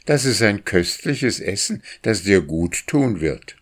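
A man's voice: on the low side, very animated, slow, heavily acted. A man voicing an ingratiating male crow who eagerly offers a gift in a storybook. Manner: eager to please.

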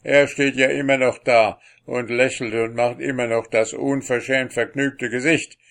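A man reading a fairy tale aloud, voicing a stern old king who speaks brusquely and loudly. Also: medium pitch, level tone, unhurried, gravelly, pitched above the performer's own voice. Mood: resigned. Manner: raised, brusque declaiming.

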